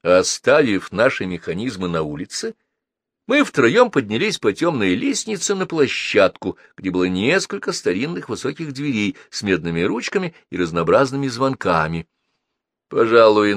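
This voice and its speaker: A man narrating a children's story aloud in an animated, theatrical reading. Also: low-pitched, no room sound, clean studio sound. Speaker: audiobook narrator.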